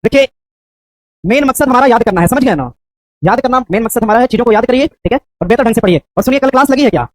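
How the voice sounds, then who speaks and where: Woman teacher firing quick repeat questions at her class, fairly high voice, dry close sound. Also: lively intonation, no echo, low-quality recording. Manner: quizzing students with rapid repeated questions. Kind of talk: classroom exam coaching.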